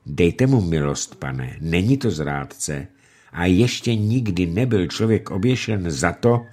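A man voicing a calm nobleman who pleads for mercy in a measured way. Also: sits low. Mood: pleading.

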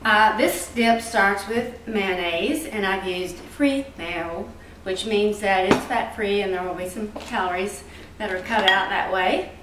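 A woman's voice: mid-range voice, a little slow, noisy background. A middle-aged woman hosting a home cooking show, explaining each step in a chatty, homey way. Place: home kitchen indoors, garden outdoors. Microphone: far camera. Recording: roomy, distant home video.

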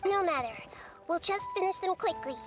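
Very high, wise little goddess. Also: female voice, animated, over music. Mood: confident. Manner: measured, thoughtful, explanatory. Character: small wise childlike goddess girl, calm and curious. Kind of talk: video game voice acting.

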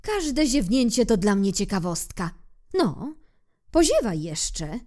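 A woman's voice: mid-range voice, big pitch swings, slow, darkish tone, voice pushed up. A woman voicing a pompous old male king in a storybook reading, speaking in a commanding, self-important way.

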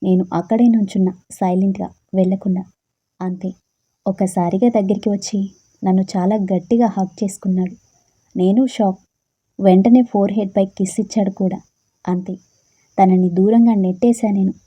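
A woman narrating a first-person romantic story in a soft, subdued way. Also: mid-range voice, fairly even intonation, moderate pace, long pauses, slightly rough, lo-fi sound.

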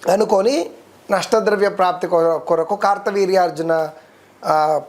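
A man, a devotional guest explaining worship rules in a steady, teacherly way, listing terms one by one. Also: high voice, normal speed. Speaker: devotional guest speaker on ritual. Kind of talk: explanatory interview talk.

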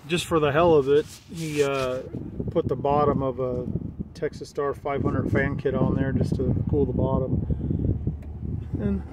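An amateur video host tours CB radio truck setups in a parking lot, in and around a pickup, giving jokey, informal commentary with the occasional swear word. His voice is mid-range, captured on a handheld phone or camera in a noisy outdoor and vehicle recording.

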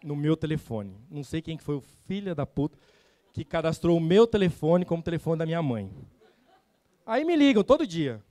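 High-voiced Brazilian man giving a sales talk. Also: normal speed, no echo. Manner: animated, acts out customer dialogues, slangy and blunt. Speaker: sales trainer speaking at a summit. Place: event stage.

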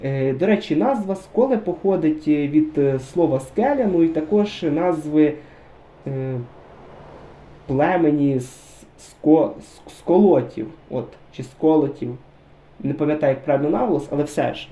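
A man's voice: a little high, animated, normal speed, warm tone. A man giving casual, chatty commentary over a driving game, musing aloud and talking straight to his viewers. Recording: roomy echo.

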